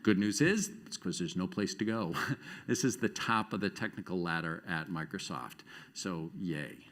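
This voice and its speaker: A middle-aged man giving a conference talk, telling stories in an animated, self-deprecating way with wry asides. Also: low voice, moderate pace. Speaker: conference speaker. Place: conference stage before an audience.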